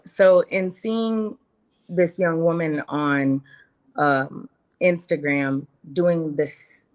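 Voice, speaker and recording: A woman of about thirty with a low voice tells her personal story casually as an interview guest. She speaks emphatically, repeating phrases and asking rhetorical questions.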